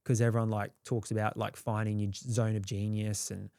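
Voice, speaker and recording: Aussie guy in his twenties, low voice, swears a lot, acts out what people said, dead dry sound. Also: little pitch movement, fairly quick, vocal fry, warm tone, smooth, no echo. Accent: Australian. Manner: rambling, swears freely, acts out quotes. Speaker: guest. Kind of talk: candid storytelling.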